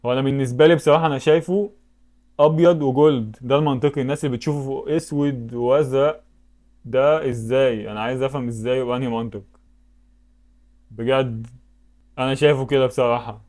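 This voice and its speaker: Fast-talking Egyptian man thinking aloud. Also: medium pitch, steady tone, a little mellow. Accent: Egyptian Arabic. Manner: thinks aloud with sudden exclamations. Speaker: YouTuber. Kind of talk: casual commentary while playing web games.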